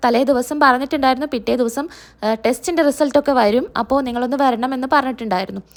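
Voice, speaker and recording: A woman's voice: high-pitched, fast. A woman narrating a recap of a TV serial episode, retelling each character's lines in her own voice. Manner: narrates and voices all characters' quotes herself.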